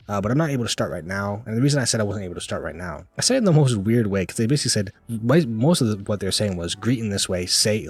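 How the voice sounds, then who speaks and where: A young man rants fast about an old job in a casual, streetwise way. His voice sits low and a little husky. He keeps slipping in "like" and "bro". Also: no room sound. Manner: talks fast, peppers speech with "like" and "bro". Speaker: vlogger. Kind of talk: casual storytelling rant.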